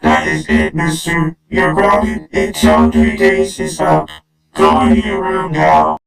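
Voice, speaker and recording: A man's voice: fairly high pitch, huge pitch swings, takes it slowly, creaky, heavily acted. A man playing a strict, angry parent in an amateur cartoon, scolding a schoolchild. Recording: roomy echo, guitar music behind. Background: plucked guitar music.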